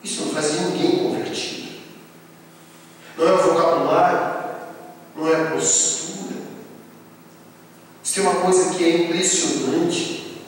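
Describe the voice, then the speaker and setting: A man's voice: extremely high pitch, fairly bright tone. A man preaching a sermon with a Brazilian Portuguese accent. He speaks emphatically, asks rhetorical questions and addresses the congregation directly. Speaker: pastor. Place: church sanctuary. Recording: echoey church hall, distant mic, faint background noise.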